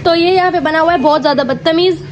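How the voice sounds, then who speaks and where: A woman's voice: very high voice, quick pace, highs cut off, noisy background. A young woman chatting casually to her viewers at home, explaining things step by step as a mother and vlogger. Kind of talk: casual home vlog chat.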